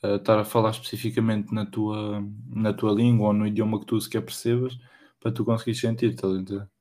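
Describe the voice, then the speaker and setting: A man's voice: on the low side, flat delivery, fast, dark tone. A young man chatting casually in slangy, somewhat hesitant phrases. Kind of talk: casual chat.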